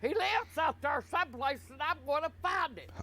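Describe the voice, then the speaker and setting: Cursing eighty-year-old granny. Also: male voice, lively intonation, normal speed, bright, forceful tone, heavily acted. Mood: defiant ranting. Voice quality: shrill cursing old-lady falsetto. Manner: profane, defiant, ranting. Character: foul-mouthed cranky old granny, eighty. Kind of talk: comedic character skit.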